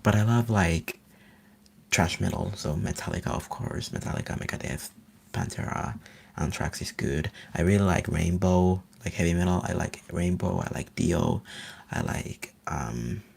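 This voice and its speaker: A native Finnish-speaking man from Finland streams ASMR live, rambling eagerly in a soft whisper. His voice sits low and sounds husky with vocal fry, and he keeps a moderate pace.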